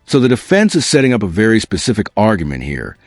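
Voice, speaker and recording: A dry, close recording over faint music carries a man's legal commentary. His delivery is scripted, punchy and dramatic, with lively swings in a lowish voice. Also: fast, no echo. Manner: dramatic, punchy, addresses viewers directly.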